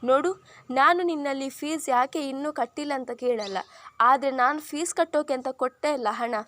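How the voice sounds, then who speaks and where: A sharp, no-nonsense elder sister from an audio story, acted by a woman narrator, questioning in a firm, probing way. Her voice sits high and stays pointed. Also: moderate pace, lightly acted. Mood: stern.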